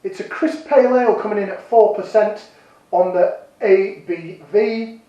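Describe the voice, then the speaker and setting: Man, jokey beer reviewer, high-pitched, sounds set back from the mic. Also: moderate pace, warm tone, very echoey, far from the mic, highs cut off. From Yorkshire, England. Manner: chatty, jokey, self-deprecating. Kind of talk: casual vlog review.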